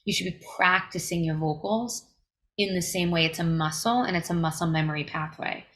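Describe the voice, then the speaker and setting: In a casual podcast interview recorded at home, a young touring singer earnestly and emphatically hands out advice, fillers and all. She talks a little fast in a low-leaning voice with a fairly bright tone.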